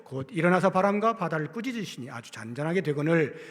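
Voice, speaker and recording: A man preaching a sermon as pastor, swinging from loud emphasis to hushed, almost whispered lines. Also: a little high, big pitch swings, quick pace. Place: church sanctuary. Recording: long reverb of a church hall.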